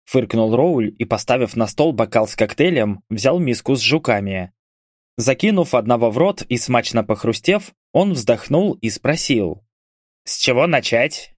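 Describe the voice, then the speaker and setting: A man narrating an audiobook in an even, measured reading. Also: medium pitch, no room sound, studio quality. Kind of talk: scripted narration.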